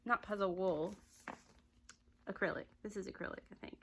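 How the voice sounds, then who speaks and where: Chatty Southern woman with a gravelly voice. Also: medium pitch, steady tone, normal speed, slight background noise, low-quality recording. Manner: chatty, rambling, laughs often. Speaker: yarn vlogger. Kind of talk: casual chat.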